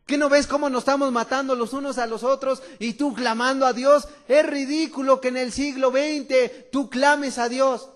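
A scornful scoffer, as a preacher with a Mexican accent puts him on, taunting loudly in a high, raised voice. He sounds mocking and dismissive. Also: steady tone, moderate pace, few pauses. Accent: Mexican Spanish. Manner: loud, taunting.

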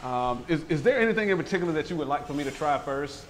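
Man, food show host, effusive and chatty, slightly high voice, restaurant table. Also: expressive, fast talker, slight background noise, poor audio. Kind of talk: casual on-camera food tasting.

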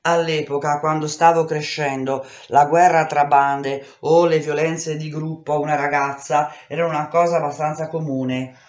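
Expressive woman reading a memoir aloud. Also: low voice, normal speed, hardly any pauses, roomy sound. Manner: intense, expressive, shouting the dialogue. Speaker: reader. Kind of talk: dramatic audiobook reading.

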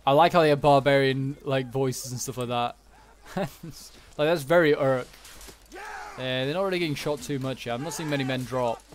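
A man comments casually on a strategy game battle while watching it, thinking aloud in a mid-range voice at a slightly fast pace. He's a gaming commentator, and the recording carries noticeable video game battle ambience.

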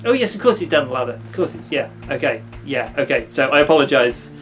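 A man's voice: medium pitch, fast. A man in his thirties giving casual, jokey playthrough commentary, often talking to the game's characters. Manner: animated, jokey, talks to game characters. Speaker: gaming video host. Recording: game music behind voice.

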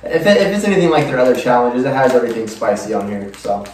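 A man's voice: medium pitch, quick pace, a little mellow, a little hiss or hum. A young man casually presenting to camera as the host of a food challenge show. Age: young adult. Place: small indoor room, seated at table. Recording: echoey room, distant microphone.

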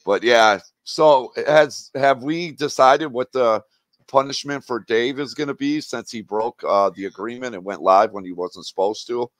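A man's voice: medium pitch, unhurried, a bit bright, no room sound. A man hosting a casual livestream chat, talking in a blunt, profane and mocking way. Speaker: livestream host.

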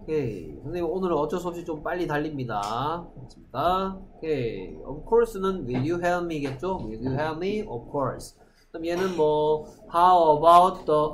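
A male English teacher leading a classroom lesson, his voice sitting a bit high for a man. He talks at a slow, deliberate pace, spelling out model sentences and checking in with the class after each point. Faint background noise hangs in the room. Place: school classroom.

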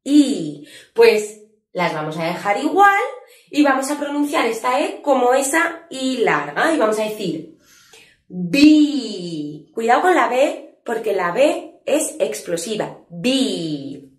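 Teacher lady, bouncy voice, kinda high, roomy echo. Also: unhurried. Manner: lively, clear and patient, drawing out letter sounds to show them. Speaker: English teacher. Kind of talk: spoken lesson for Spanish speakers.

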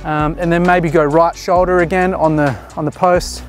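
With faint music behind him, a man in his thirties speaks flatly at a moderate pace in a fairly high voice. A photographer working outdoors on a beach jetty, he directs a model and casually talks through his shots behind the scenes.

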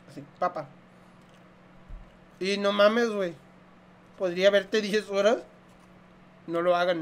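A young man with a Mexican accent, reviewing food on his vlog in a joking, profane, slangy way and chewing between lines. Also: high voice. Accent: Mexican Spanish. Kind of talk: casual eating review vlog.

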